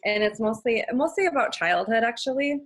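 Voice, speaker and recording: A woman reading her own poems at an open mic in a measured, unhurried way, with brief casual introductions. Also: a little high, expressive. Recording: virtual event audio.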